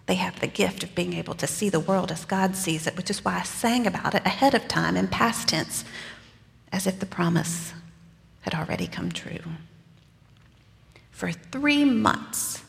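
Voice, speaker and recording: Woman preacher playing Mary as a young mother, low and gravelly, slow and earnest, chatty asides, for a first-person sermon in a church with a long, ringing hall reverb. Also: sing-song, full character voice. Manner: conversational, earnest storytelling with casual asides. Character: Mary, young mother recalling her story.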